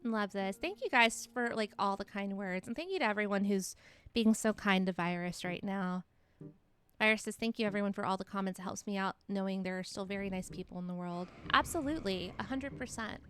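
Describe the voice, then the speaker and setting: A woman's voice: medium pitch, a little fast, smooth. Encouraging woman streamer in her 30s. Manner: warm, encouraging, reads chat messages aloud. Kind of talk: casual chat while gaming on a live stream.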